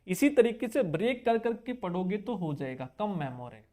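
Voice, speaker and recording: A man teaching an exam-prep spelling lesson, who spells words out letter by letter, repeats the key points and coaxes his students with quick check-back questions. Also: sits high, very animated, darkish tone.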